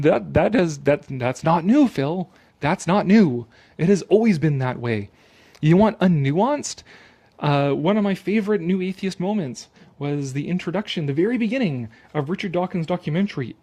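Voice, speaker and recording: A man's voice sits on the high side with a darkish tone as he gives loose, sarcastic video commentary. Having had a few drinks, he sounds exasperated and emphatic, swearing freely.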